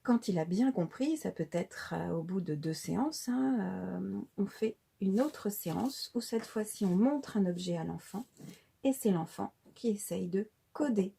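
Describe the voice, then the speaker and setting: Preschool teacher, woman, slow and deliberate, husky mellow voice. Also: medium pitch. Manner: slow and deliberate, spelling out syllables. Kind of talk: slow instructional explanation for parents.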